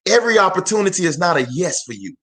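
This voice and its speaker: Quick and high-pitched, with big swings in pitch and a bit of brightness, this man in his forties speaks as a motivational host. His live talk is fervent and preacher-like, full of emphatic repetition and shout-outs to viewers.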